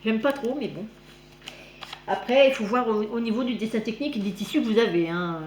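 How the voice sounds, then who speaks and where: A woman's voice: fairly high pitch, brisk, a little mellow. A woman with a slight lisp on her s sounds, chatting casually as she hosts a magazine review vlog. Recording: roomy echo, clear background noise.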